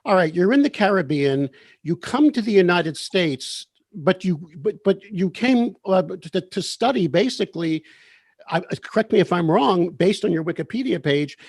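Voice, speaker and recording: A man's voice: sits high, animated, moderate pace, darkish tone, husky, no room sound. A male interviewer with a somewhat raised voice guides his guest with friendly questions that seek confirmation. The sound is dry and close. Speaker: interviewer, host. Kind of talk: conversational interview.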